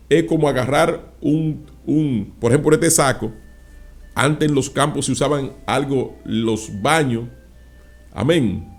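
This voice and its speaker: A male pastor preaching a sermon, dropping frequent interjections of praise and acting out anecdotes with loud exclamations. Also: medium pitch.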